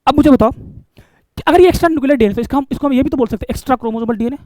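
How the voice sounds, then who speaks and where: A man's voice: extremely high pitch, rapid-fire, darkish tone, no echo, studio quality. A male biology teacher, lecturing a class and coaxing answers by asking questions and repeating key terms.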